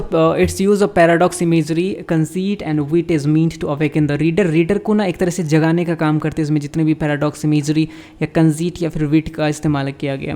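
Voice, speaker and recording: A man teaching English literature, reading lines slowly in English and then explaining them in Hindi with frequent filler sounds. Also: a little high, vocal fry, warm tone.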